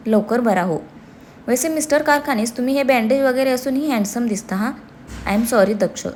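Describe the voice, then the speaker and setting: A woman's voice: fairly high pitch, slight background noise, close to an everyday voice. A woman voicing a fiery, emotional young woman. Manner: emotional, feisty.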